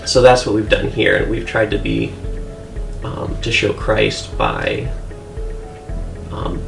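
A man telling a casual testimony about serving others, unhurried, with many pauses and fillers. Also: on the low side, gravelly. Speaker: church member in a video. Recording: echoey room with music under it. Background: music.

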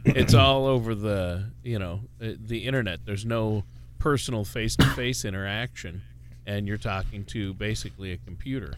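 A man co-hosting a talk show, chatting casually and making quick joking asides. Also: on the low side, a little hiss or hum. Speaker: radio show co-host. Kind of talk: casual radio show chat.

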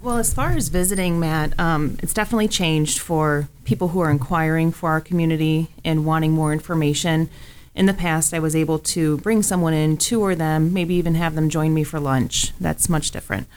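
A woman speaks as an interview guest, explaining services conversationally. Her voice is clean and smooth, sitting a bit low. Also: moderate pace, a little mellow. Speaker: interview guest representing a care community.

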